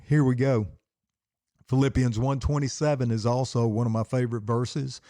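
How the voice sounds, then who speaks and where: A man's voice: medium pitch, fairly even intonation, moderate pace, mellow, no echo, clean studio sound. Fired-up preaching man. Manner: fired-up, emphatic, preacherly repetition. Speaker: podcast host and pastor. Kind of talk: solo podcast with preaching. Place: home basement.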